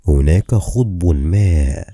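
A man narrating a novel in the first person, calm and measured. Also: low-pitched, no room sound, clean studio sound. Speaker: audiobook narrator.

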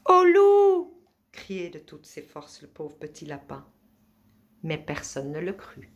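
A woman reading a children's picture book aloud at a library, playful and expressive, giving the characters their own voices. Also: low-pitched, unhurried, muffled recording. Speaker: library storyteller.

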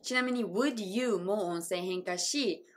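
Upbeat woman teaching pronunciation. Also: mid-range voice. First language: English. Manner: bright, upbeat, models phrases slowly and clearly. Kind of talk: friendly video lesson with demonstrations.

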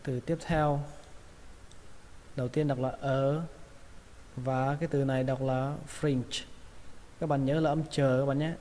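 A man's voice: medium pitch, flat delivery, a little slow, long pauses, dark tone. A man with a Vietnamese accent teaching English pronunciation, patiently repeating each word. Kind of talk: pronunciation lesson. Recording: long reverb, faint ambient noise.

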